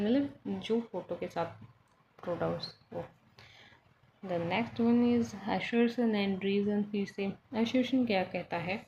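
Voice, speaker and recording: An unhurried young woman teacher goes through quiz answers, chatty and quick to correct herself. Her voice sits in a middle pitch. The recording is dull and lo-fi, with faint noise behind her. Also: darkish tone. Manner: chatty, mixes Hindi and English, self-corrects. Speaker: exam prep teacher.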